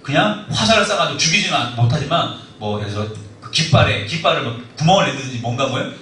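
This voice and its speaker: A man's voice: mid-range voice, fast talker, distant mic, a little hiss or hum. A man preaching a sermon in a church hall, telling stories and acting out the quoted lines. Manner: animated storytelling, acts out quoted lines. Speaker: preacher at a discipleship school. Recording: echoey hall, mic from afar.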